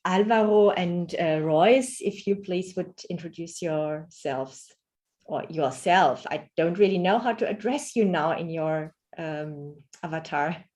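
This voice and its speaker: A woman's voice: on the low side, a little slow, a little mellow. Polite woman moderating over a video call. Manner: polite, hesitant with fillers. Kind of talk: hosting an online panel.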